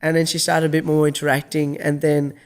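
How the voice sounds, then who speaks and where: A man's voice: a little high, monotone, brisk. A middle-aged man telling a story in a casual monologue, rambling with restarts and swearing. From Australia. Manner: rambling, frequent restarts and swearing, acts out dialogue. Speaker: vlogger.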